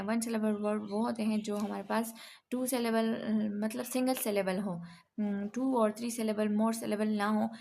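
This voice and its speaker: A woman's voice: fairly high pitch, creaky, a little hiss or hum. A woman teaching English grammar to beginners, explaining patiently, often checking in and correcting herself.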